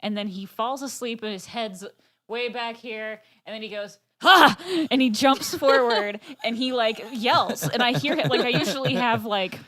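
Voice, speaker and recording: A woman's voice: a little high, normal speed, crowd noise. A woman co-hosting a podcast, telling a rambling workplace story in casual chat with lots of fillers.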